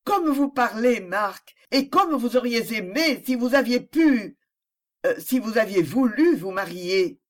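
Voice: mid-range voice, sing-song, measured pace. The reader voicing a proud, wounded young woman who protests with impassioned questions in a novel reading. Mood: indignant. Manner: impassioned, rising pleading questions. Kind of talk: audiobook character reading.

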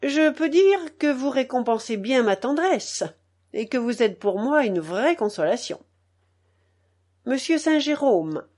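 A woman's voice: medium pitch, sing-song, measured pace, a little mellow. A woman reading the part of a stern elderly aristocratic grandmother who scolds coldly and with emphasis. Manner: cold, emphatic, scolding with raised voice.

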